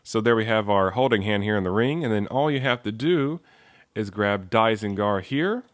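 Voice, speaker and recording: A man's voice: on the low side, animated, normal speed, dry recording. Enthusiastic man reviewing a toy, dry close mic. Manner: enthusiastic, repeats praise words, frequent ums. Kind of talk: casual product review.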